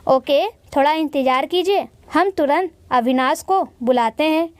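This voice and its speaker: Woman reads male soldier, formal, curt, high, dry. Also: unhurried, a little mellow, no echo. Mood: brisk. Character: brisk male army soldier.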